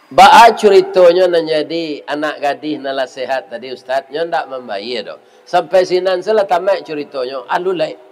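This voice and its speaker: An older man with a Minangkabau accent preaching a sermon, telling a story with animated tag questions to his listeners. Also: high voice.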